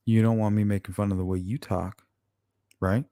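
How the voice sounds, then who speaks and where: A man with a lowish, mellow voice hosts a relaxed late-night stream. He teases his viewers, jokes, and swears casually. The sound is close and dry, with no room echo. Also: normal speed, smooth. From Arizona. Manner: joking, teasing, profane. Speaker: live stream host.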